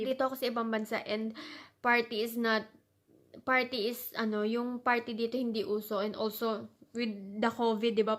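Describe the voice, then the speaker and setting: A young adult woman from the Philippines telling a story in a chatty casual vlog, slipping English phrases in and laughing at herself. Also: a little high. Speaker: vlogger.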